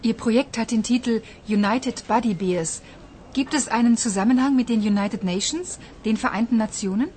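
A woman's voice: on the high side, moderate pace, darkish tone, slight background noise, lightly acted. A woman playing a friendly radio reporter in a scripted language-course dialogue. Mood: polite, inquiring. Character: friendly female radio reporter interviewing a spokesperson. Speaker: radio interviewer.

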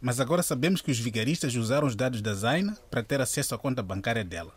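An actor playing an earnest, probing male police agent with a husky voice in a radio drama. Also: mid-range voice, expressive, fast. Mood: serious. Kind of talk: scripted radio drama acting.

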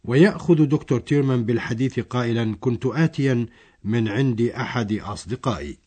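Husky male lesson narrator. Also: medium pitch, fast, darkish tone. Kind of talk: scripted educational narration.

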